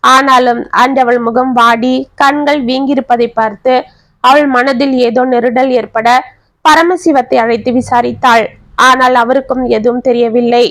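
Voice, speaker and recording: A woman storyteller narrating a family drama in a steady, expressive reading. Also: high voice, moderate pace, no echo.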